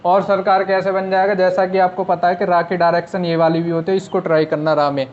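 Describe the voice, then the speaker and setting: Man, shorthand teacher, high voice, patient step-by-step explaining, dull lo-fi recording. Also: flat delivery, brisk, darkish tone. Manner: patient, asks rhetorical questions and answers them. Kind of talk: explaining step by step in an online class.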